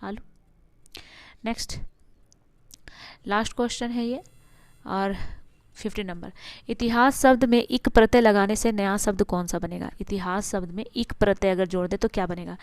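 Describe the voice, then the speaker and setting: A woman teacher going through grammar quiz answers. She asks the class questions and then answers them herself, and she stretches words out slowly to stress their sounds. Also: medium pitch, fairly even intonation, a little mellow, clean tone, no echo.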